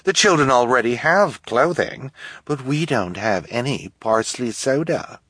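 A man's voice: on the high side, big pitch swings, measured pace, fairly bright tone, no room sound, pitched above the performer's own voice, exaggerated voice. A man voicing a fashion-obsessed, bossy woman who talks impatiently and haughtily, reading a storybook.

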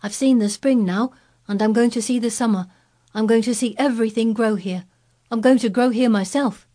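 A woman's voice: medium pitch, moderate pace, darkish tone, voice pushed up, lightly acted. A woman voicing a frail young boy, eager and wondering. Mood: hopeful.

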